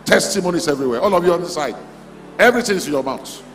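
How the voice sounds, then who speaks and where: The male preacher here speaks very fast and expressively, his high voice fairly bright, as he exhorts with repetitive short declarations. It is a charismatic prayer-and-declaration sermon at a church convention, heard through an echoey hall PA over music with slight background noise.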